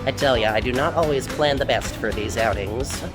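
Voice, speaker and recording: Mask-muffled man vlogging over loud music. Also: mid-range voice, normal speed. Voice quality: slightly muffled by a face mask. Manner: jokey, self-deprecating, mildly sweary. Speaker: food and travel vlogger. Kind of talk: casual vlog narration to camera. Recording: background music over vlog audio.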